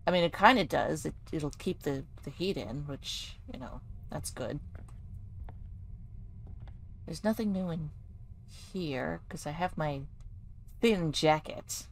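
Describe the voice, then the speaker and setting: Woman, animated, jokey horror gameplay chat. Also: sits low, slow pace, vocal fry, pauses often, slight background noise. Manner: chatty, jokey, yelps when startled. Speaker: gaming video host. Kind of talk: casual horror game commentary.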